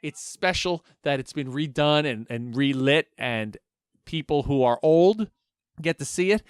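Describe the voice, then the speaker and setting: Guy guest on a podcast telling long rambly stories, kinda high voice, dry mic. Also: lively intonation, a little slow, clear, resonant tone, dry recording. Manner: rambling anecdotes with many restarts and acted quotes. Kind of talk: casual storytelling.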